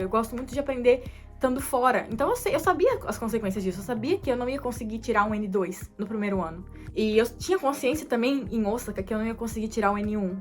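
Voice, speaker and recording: A young woman vlogging casually to camera, chatty and rambling, dropping Japanese words into her talk, with soft music underneath. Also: fairly high pitch.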